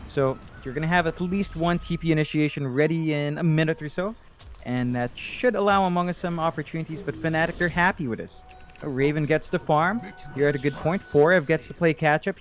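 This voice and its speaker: A man commentating an esports match, analytical and measured, with some fillers and restarts. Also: a little high. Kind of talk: play-by-play commentary.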